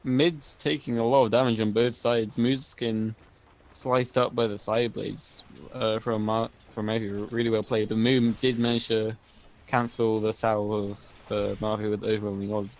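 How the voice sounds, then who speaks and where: A man's voice: on the low side, poor audio. A man giving live analysis of a video game match in a chatty, analytical way. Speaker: esports caster.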